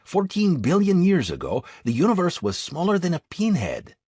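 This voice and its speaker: A cheerful Ecuadorian guide in his thirties, played by a man, talking with a Spanish accent in a lively, up-and-down voice with a husky edge. He explains things patiently and slows over tricky words, in a dry, close audiobook read. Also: sits high, dry recording, voice pushed up, heavily acted. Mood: explaining.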